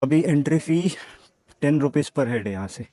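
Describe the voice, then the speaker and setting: A man's voice: a little high, animated, moderate pace, dark tone, dry recording, faint music behind. A man chatting as a travel vlogger while he walks outdoors among rocks and a temple, mixing English words into his talk. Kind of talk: casual walking travel vlog. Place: outdoors at caves and a hillside temple.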